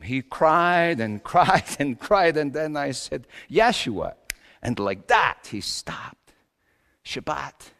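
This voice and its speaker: A man's voice: medium pitch, vocal fry, full character voice. A man as theatrical Joseph, swooping wildly. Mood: tender, wondering. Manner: theatrical, swinging between hushed asides and shouted exclamations. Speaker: storyteller preaching in character. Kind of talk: comic dramatic monologue to a congregation. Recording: reverberant hall.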